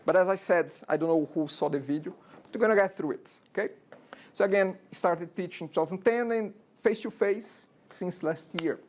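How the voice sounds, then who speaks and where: A university programming lecture comes from a Brazilian instructor in his forties, speaking casually with a Brazilian accent. His voice is high-pitched at normal speed, and he often says "okay?" and asks rhetorical questions.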